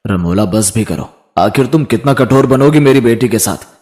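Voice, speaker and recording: A man voicing a weary middle-aged father who pleads slowly and softly. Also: mid-range voice, animated, lightly acted. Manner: slow, pleading.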